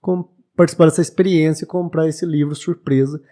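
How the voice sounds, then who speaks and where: A man's voice: fairly high pitch, steady tone, fairly quick, dark tone. A man in his late twenties from Brazil, a bookshop owner talking reflectively as a podcast guest, with hesitant restarts. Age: 20s. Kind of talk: casual podcast interview.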